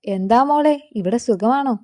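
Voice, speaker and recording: A man's voice: extremely high pitch, measured pace, a little mellow. A woman voicing a greedy, scheming middle-aged uncle who drinks, in a storybook narration.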